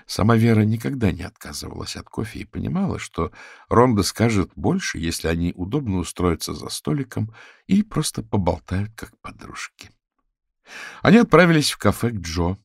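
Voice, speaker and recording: Gravelly low-voiced male narrator. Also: sing-song, moderate pace, no room sound, clean studio sound. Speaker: audiobook narrator. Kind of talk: scripted narration.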